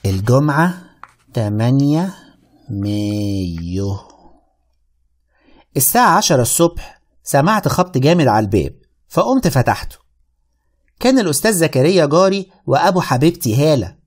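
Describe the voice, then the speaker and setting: A man with an Egyptian accent narrating a radio drama in the first person, with wry, lively storytelling. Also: on the high side, fast, husky.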